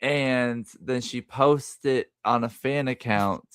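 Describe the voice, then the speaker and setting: A man's voice: mid-range voice, takes it slowly, fairly bright tone, smooth, dry recording. Man, casual chat, rambling restarts, dry close sound. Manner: rambling, many restarts, acts out quotes. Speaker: podcast co-host.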